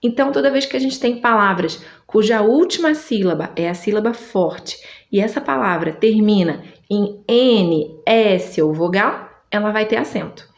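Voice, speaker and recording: A Brazilian woman whose first language is Portuguese, teaching Spanish in an online lesson, drawing out each word slowly and checking in with her listener. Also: medium pitch, echoey room, highs cut off. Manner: slow, drawn-out drilling of words, checks in with the listener.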